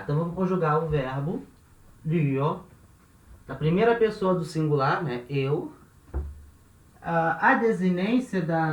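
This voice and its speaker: A man's voice: a little high, reverberant, low-quality recording. A man teaching a language lesson, explaining step by step and often checking in with his listeners.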